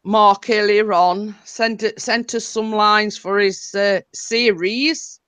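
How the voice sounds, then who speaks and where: A woman's voice: mid-range voice, fairly even intonation, takes it slowly, fairly bright tone, clean tone. A woman co-hosting a casual live stream, chatty and reading out viewer comments.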